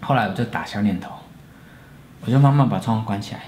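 A man in his forties with a Taiwanese Mandarin accent, earnestly recounting a personal story with pauses and restarts. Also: lowish voice, darkish tone, slight background noise. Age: 40s. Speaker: storyteller, channel host.

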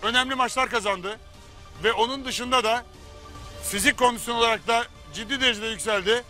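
Guy hosting a reality show, really high bright voice, faint music under it. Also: fairly even intonation, brisk. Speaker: show host.

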